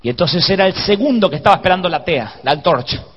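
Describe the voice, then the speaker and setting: A preacher tells a comic story from the pulpit, acting out the shouts and groans in it. His voice sits high for a man, and the live recording sounds dull and lo-fi. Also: animated, fast talker, slightly rough, in a large hall. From Argentina.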